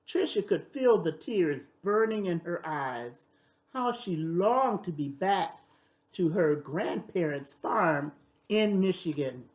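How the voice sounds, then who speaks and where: An older woman reads a children's story aloud at an unhurried, slow pace. Her pitch moves up and down in a lively way as she tells the tale deliberately. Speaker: storybook reader.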